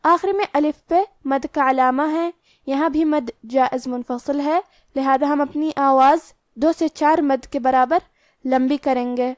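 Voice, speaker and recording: A woman teaching Quran recitation, explaining pronunciation rules in a measured, step-by-step way. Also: high-pitched, steady tone, no echo, studio quality. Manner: measured, step-by-step instructional delivery.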